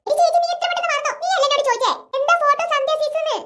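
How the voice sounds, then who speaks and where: Cartoon role: forgetful, cheeky little schoolgirl; very high and quick. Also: bright, forceful tone. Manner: whiny, mischievous, mangles words. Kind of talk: cartoon voice acting.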